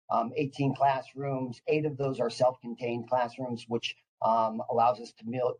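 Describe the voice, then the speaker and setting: A man's voice: mid-range voice, darkish tone, low-quality recording. A man giving an informal professional presentation, psyched and caffeinated, often hesitating and restarting as he eagerly talks. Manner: enthusiastic, psyched; caffeinated, eager talker who hesitates and restarts mid-phrase. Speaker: clinical department director presenting.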